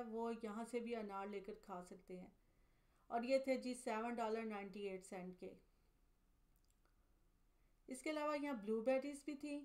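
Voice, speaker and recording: A woman with a fairly high voice narrates a store-tour vlog as a scripted voice-over. She talks steadily and plainly, walking through items and their prices one after another. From Pakistan. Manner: steady, matter-of-fact, listing prices item by item. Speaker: vlogger, mother.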